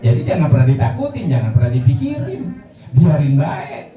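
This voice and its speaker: A man preaches to a study circle in a chatty, joking way, slipping into little acted voices. His voice sits a bit high for a man. He is picked up from a distance in a very echoey, muffled hall. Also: a little fast. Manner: lively, jokey, acts out voices of the dead and pilgrims. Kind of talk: informal religious talk.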